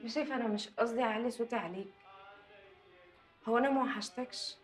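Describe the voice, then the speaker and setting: A woman's voice: on the high side, fairly even intonation, fast, faint music behind, natural voice. An actress with an Egyptian accent playing a young woman who presses her boyfriend with questions. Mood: pleading. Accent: Egyptian Arabic. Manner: pleading, questioning. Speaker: actress in a TV drama series. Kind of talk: TV drama acting.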